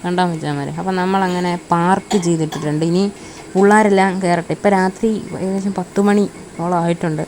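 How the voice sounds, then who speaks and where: A woman's voice: on the low side, fairly even intonation, brisk, a little mellow, slight background noise. A woman with a Malayali accent giving casual gameplay commentary, mixing Malayalam with English words and chummily addressing viewers as buddies. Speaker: gaming channel host.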